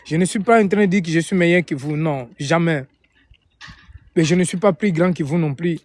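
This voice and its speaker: A man from Angola, a native Portuguese speaker with an Angolan Portuguese accent, preaches and prays informally on a live stream. His fairly high voice has a darkish tone and normal speed, and he often repeats and rephrases his phrases.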